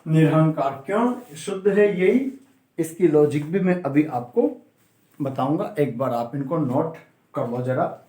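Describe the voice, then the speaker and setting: A man's voice: fairly high pitch, animated, a little slow, warm tone, roomy sound. A man teaching a grammar lesson, stressing and stretching key words and answering his own questions to the class. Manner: emphatic, repeats and drags out key words; asks students questions and answers them himself.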